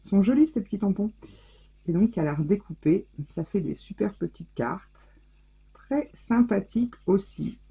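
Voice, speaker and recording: Woman, scrapbooking vlogger, casual unboxing chat, gushing and chatty, mellow, slightly husky. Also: mid-range voice, lively intonation, normal speed, highs cut off. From France. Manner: gushing, chatty, exclaims over each item.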